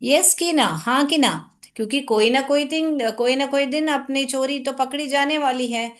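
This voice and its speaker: Woman teacher, high voice, slow and patient, online class, reads sentences word by word. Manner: slow, patient, calls students "beta".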